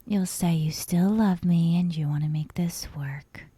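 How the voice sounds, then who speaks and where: A woman speaks as a young, possessive, dominant yandere kidnapper, softly coaxing the listener in an intimate ASMR monologue that turns sweetly menacing. Her lowish voice is breathy and often drops to a whisper, smug and coaxing, slow and teasing with veiled threats. Captured on a close, dry mic with no echo.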